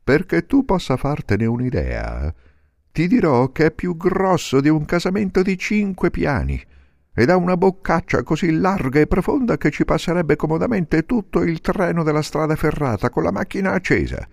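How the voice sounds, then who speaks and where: A man voicing a friendly male dolphin in a storybook reading, high and boastful. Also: sing-song, moderate pace, creaky, darkish tone, no echo, studio quality, full character voice. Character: large talkative male dolphin, friendly and grand.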